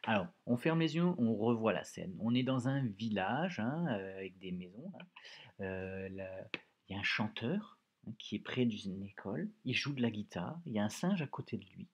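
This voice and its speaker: A man's voice: on the low side, animated, moderate pace, husky, muffled recording. A male teacher leading a reading lesson for pupils, explaining words patiently and repeating phrases.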